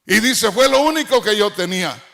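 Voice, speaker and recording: A middle-aged male preacher with a high-pitched voice. He delivers his sermon fervently, breaking into shouts and half-sung phrases. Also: expressive, normal speed, vocal fry.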